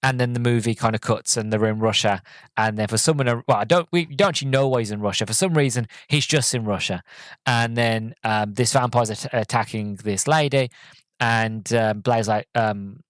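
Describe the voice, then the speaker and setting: A man hosting a solo podcast, recapping a film in a loose, rambling way with many fillers and restarts and sudden bursts of excitement. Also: medium pitch, moderate pace, dry recording. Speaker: podcast host reviewing a film.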